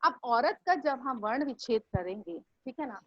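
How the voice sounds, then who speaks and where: A woman's voice: sits high, moderate pace, no echo. A woman teacher giving a grammar lesson in a classroom, often repeating her questions to drill the students. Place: classroom with blackboard. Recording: dull lo-fi recording with steady noise.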